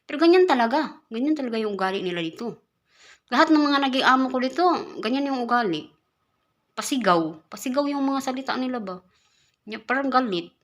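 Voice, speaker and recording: A woman's voice: sits high, lively intonation, fairly quick. A woman from the Philippines who works as a caretaker, talking casually in a vlog, chatty, with many restarts and frequent laughs. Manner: chatty, repeats and restarts words, laughs often. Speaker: caretaker vlogger.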